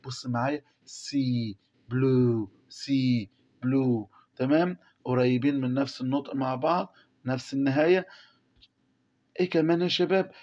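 A man's voice: mid-range voice, unhurried, darkish tone, highs cut off. A man with an Egyptian Arabic accent teaching English, repeating each word and quizzing his listeners. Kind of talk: classroom explanation.

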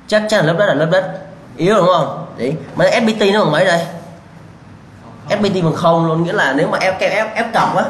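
A man's voice: on the high side, fairly bright tone. A male lecturer drilling students with rhetorical questions, repeating key answers and bluntly warning them about mistakes. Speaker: civil engineering lecturer. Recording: echoey room with faint background hum.

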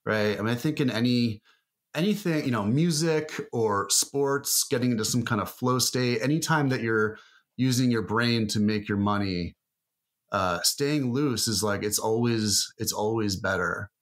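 A man's voice: mid-range voice, measured pace. A man talking loosely in a podcast interview, full of fillers and restarts. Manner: rambling, many fillers and restarts. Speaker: marketing guest. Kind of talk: casual interview talk.

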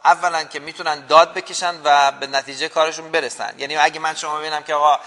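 Guy hosting a call-in show, lecturing and arguing, kinda high bright voice, echo hanging in the studio. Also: steady tone. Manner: argumentative, lecturing. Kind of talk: heated call-in debate.

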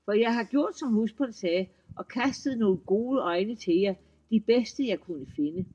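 Sneaky farmhand acting all innocent and polite, soft and mild, man reading it. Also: sits high, expressive, breathy edge, lo-fi sound. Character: sly young farmhand playing innocent and dutiful.

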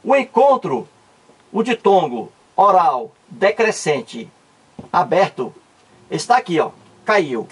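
A male teacher from Ceará, Brazil, speaks Cearense Brazilian Portuguese as he explains a grammar lesson, repeating points emphatically. His voice sits high and sing-song, slightly rough, and he talks slowly with frequent pauses.

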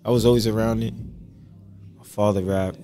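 A man's voice: on the low side, fairly even intonation, moderate pace, warm tone. A young man, a rapper from Boston, talking casually in an interview with a laid-back, slangy manner. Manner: laid-back, slangy, many "you know what I mean" tags. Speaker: rapper guest.

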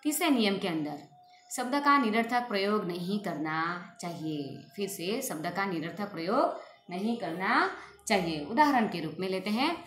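A woman's voice: mid-range voice, expressive, a bit bright. Woman teacher in an echoey room. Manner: explains slowly and repeats examples, often asks "right?". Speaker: school Hindi teacher. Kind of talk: recorded class lesson. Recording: echoey room with faint ambient noise.

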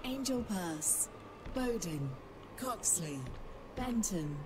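A woman's recorded voice as an automated train announcer, with each word spliced in as a separate clip and read out in a flat, evenly spaced way. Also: medium pitch, very slow, noisy background. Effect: spliced-together recorded words, each station name a separate clip. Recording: game audio over crowd murmur.

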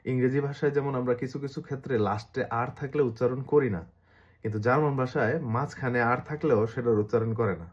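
Guy with a bangladeshi accent teaching letters, chatty, says each sound slow and twice, mid voice. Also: medium pitch, darkish tone. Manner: conversational, repeats sounds slowly to demonstrate. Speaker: language teacher. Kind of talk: casual lesson explaining pronunciation.

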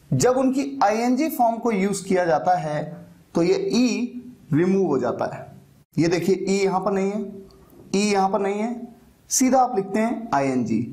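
A man's voice: high-pitched, a little mellow. A man teaching an English spelling lesson, who explains patiently, asks questions and answers them himself.

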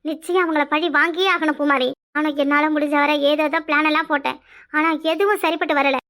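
A woman voicing a domineering, scheming middle-aged village mother in a cartoon, with a Kanyakumari Tamil accent, scolding fast and loud. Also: fairly even intonation. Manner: shrill, scolding, fast, rising to yells. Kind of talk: cartoon voice acting.

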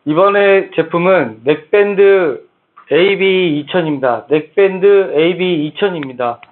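A man's voice: high-pitched, measured pace, narrow, tinny audio. A middle-aged man presenting a product test in set, repeated announcing phrases, recorded on Bluetooth headset microphones. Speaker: product reviewer and host. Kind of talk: scripted-style product test presentation to camera. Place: plain small room indoors. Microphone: various Bluetooth earphone and neckband mics.

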